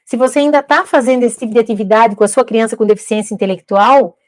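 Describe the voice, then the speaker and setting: A woman in middle age with a high, bright-pitched voice lectures teachers. She is emphatic, circling back to key points and throwing out rhetorical questions. The sound is close and dry, with no room around it. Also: fast, no echo. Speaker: educator teaching literacy teachers. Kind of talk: instructional talk to camera.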